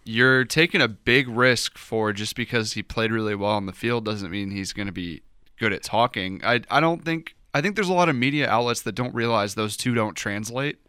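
A man's voice: mid-range voice, expressive, moderate pace, bright, forceful tone, smooth, dry recording, studio quality. A man co-hosting a sports radio show in a casual, conversational way. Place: radio studio.

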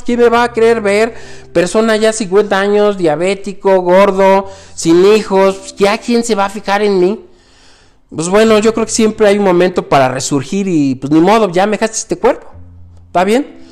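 A man in his fifties with a Mexican Spanish accent, telling his personal story as an interview guest in an emphatic, animated way that acts out quoted dialogue. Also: high-pitched, normal speed, soft background music. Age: 50s.

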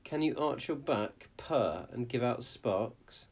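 A man's voice: mid-range voice, expressive, slow, gravelly, slightly rough, voice pushed up, exaggerated voice. A man reading a story aloud and voicing a smug tomcat who talks down to others. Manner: condescending. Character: smug tomcat, master of the house.

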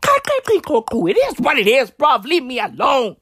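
In a high-pitched voice with a breathy edge, a Tswana-speaking comedian from southern Africa delivers a profane, rambling stand-up rant at normal speed. Her animated delivery leans hard on slang. The audio is studio quality with no echo.

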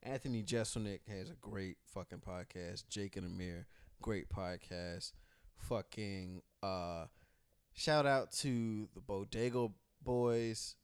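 A man hosting a podcast, chatting casually and profanely while giving shout-outs close to the mic. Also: fairly low pitch, clean tone, no room sound. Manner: profane, laid-back, drawn-out shout-outs. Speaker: podcast host.

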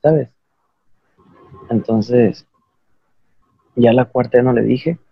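A man's voice: medium pitch, very slow, creaky, husky, no room sound, muffled recording. A young man with a Mexican accent telling a rambling, slangy, self-mocking story to friends on a call.

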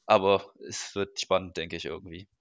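Man, podcast co-host, casual chat, low voice, hedging, dry. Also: flat delivery, moderate pace, a bit bright, no echo. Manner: thoughtful, hedging opinions.

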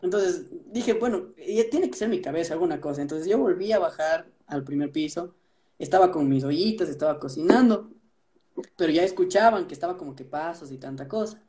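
A man with an Ecuadorian accent, telling stories in an animated casual chat, restarting his sentences often. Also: fairly high pitch, brisk. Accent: Ecuadorian Spanish. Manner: animated storytelling, many restarts.

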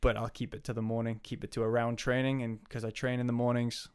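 A man of medium pitch who works as a coach, chatting casually. He rambles, restarts his sentences and feels his way toward his point. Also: level tone, fast, smooth. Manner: rambling, with many fillers and restarts. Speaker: guest, coach. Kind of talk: casual chat.

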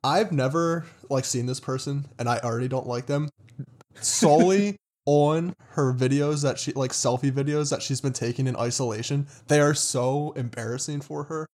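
A man with a mid-pitched voice in casual talk among friends. He shares blunt opinions with a dry, wry edge. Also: moderate pace, a little mellow. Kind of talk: casual chat.

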